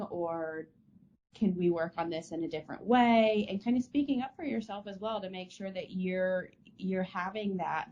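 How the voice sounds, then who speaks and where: Mellow-voiced woman podcast co-host. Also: medium pitch, muffled recording. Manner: thoughtful, hesitant with restarts. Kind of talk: casual conversational podcast. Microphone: remote call mic.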